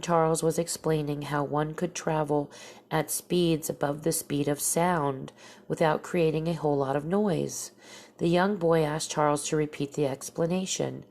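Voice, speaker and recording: This podcast host is a woman with a low, darkish voice, made stuffy and nasal by allergies. She tells encounter stories in a casual, rambling way, leaning on fillers and restarting herself.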